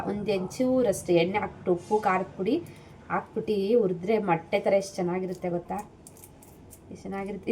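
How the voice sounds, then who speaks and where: Brief: chatty vlogging mother, thirties, homely kitchen talk, mid-pitched. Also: warm tone, slight background noise. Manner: chatty, explains homely cooking steps to viewers. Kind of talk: casual cooking vlog chat. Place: home kitchen.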